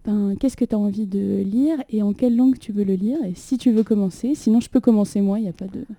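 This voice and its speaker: Recorded dry on a phone leaning against a water carafe in a small room, this young woman hosts a poetry reading as its poet, mixing casual chat with verse. Her warm, mid-range voice runs a little fast with fairly even intonation, and she laughs often and fills her talk with fillers.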